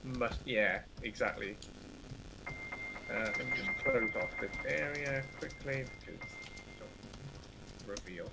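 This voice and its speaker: A man improvising narration as a tabletop game master, halting and informal, with the odd mild swear. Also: fairly low pitch, vocal fry, very noisy.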